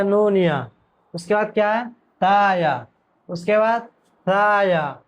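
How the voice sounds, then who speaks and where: In dull audio, a high-voiced man teaches Quran reading one letter at a time. Asking questions and then answering them himself, he stretches each letter name out at a very slow drawl.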